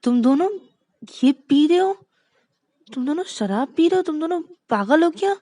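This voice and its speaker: A woman voicing a furious, bossy young wife in a narrated story, scolding in shrill outbursts. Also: lively intonation, normal speed, mellow, no room sound.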